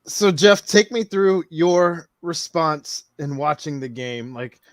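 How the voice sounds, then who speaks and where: A man hosting a casual sports podcast, steering the talk from topic to topic in a relaxed, conversational way. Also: a little high, takes it slowly, no echo, studio quality. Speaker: podcast host.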